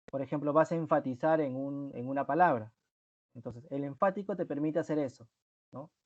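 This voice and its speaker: A man's voice: on the high side, a little mellow, no echo. A man teaching an online review class, explaining step by step, often checking with "¿no?" and repeating key points. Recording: dry dull lo-fi recording.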